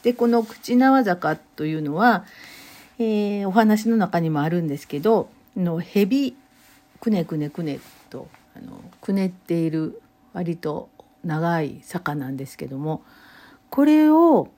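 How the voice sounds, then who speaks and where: A middle-aged woman with a Kansai accent, chatting gently and then reading a short story aloud slowly. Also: on the low side, lively intonation. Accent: Kansai Japanese. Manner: gentle, chatty, many fillers; slows down to read. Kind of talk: casual chat, then unhurried literary reading aloud.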